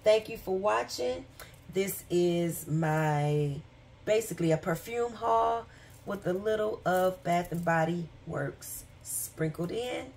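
A woman's voice: on the low side, slow, creaky, darkish tone, a little hiss or hum. A woman vlogger talking casually and rambling with fillers and asides, who has the hiccups. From Michigan, USA. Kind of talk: casual chat.

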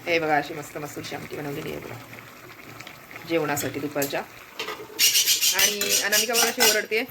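A woman's voice: low-pitched, normal speed, very noisy. A woman chatting to her viewers in a casual home vlog, filmed on a phone at home. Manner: chatty, addresses viewers as friends. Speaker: family vlogger.

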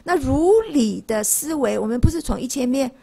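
An older woman, teaching a Buddhist class in a classroom. Her voice sits fairly high, with a gravelly fry and a husky edge. She talks in a lively way and keeps turning to her students with rhetorical questions. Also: moderate pace. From Taiwan. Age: 60s. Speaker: lay Buddhist lecturer. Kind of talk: classroom dharma lecture.

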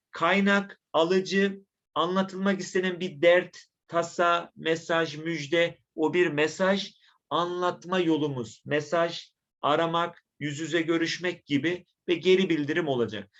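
A man teaching a recorded online lesson, who says his voice is rough and acts out examples to his students. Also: on the high side. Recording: dull lo-fi sound.

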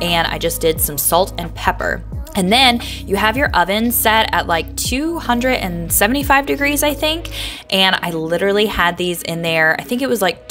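A woman's voice: fairly low pitch, fairly bright tone. A woman chatting casually in a voice-over as she walks through her lunch prep, upbeat and full of fillers.

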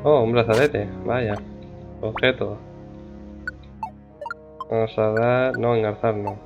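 A man's voice: on the low side, slow, gravelly, narrow, tinny audio. Man muttering over gameplay. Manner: relaxed muttering to himself. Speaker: gameplay streamer. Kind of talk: casual game commentary. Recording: game music over voice.

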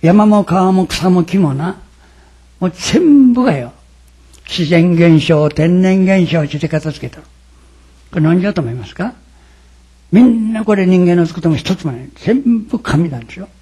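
A man's voice: sits high, lively intonation, normal speed, warm tone, breathy edge. An older man, giving a sermon as a religious lecturer and telling stories in a folksy, dramatic way. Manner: folksy, dramatic retelling with quoted voices. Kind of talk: storytelling sermon.

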